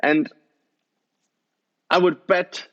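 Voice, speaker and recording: A man's voice: high voice, little pitch movement, very slow, a bit bright, dull audio. A young man in his twenties, a BMX rider guest, chatting loosely about himself with slightly phrasing. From Switzerland. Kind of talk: casual interview.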